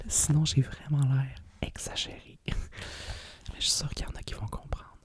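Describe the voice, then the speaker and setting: A middle-aged woman with a Quebec French accent whispers softly and breathily in a nostalgic, rambling ASMR style, like a hushed library whisper. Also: rumbling low, slightly rough. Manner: hushed, nostalgic rambling with frequent conversational tags. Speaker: ASMR host. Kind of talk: whispered ASMR chat about vintage books.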